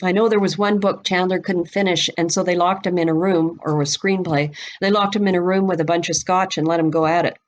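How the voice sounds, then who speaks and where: A woman appears as a guest expert on a book podcast, explaining literary history in an expansive, knowledgeable, conversational way. Her voice is on the low side and steady, and she talks fairly quickly with few pauses.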